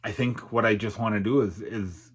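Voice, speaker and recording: Middle-aged man, fairly low pitch, raspy husky tone, halting reflective delivery, slightly numb-mouthed articulation, personal vlog. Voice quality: slightly altered articulation from facial numbness. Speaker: YouTuber and podcaster. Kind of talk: candid personal vlog, unscripted.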